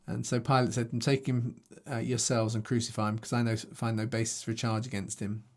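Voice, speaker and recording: Recording himself to a video camera, a Bible teacher with a medium-pitched voice talks fast in a flat manner. He reads scripture aloud and teaches it conversationally, thinking aloud and restarting sentences.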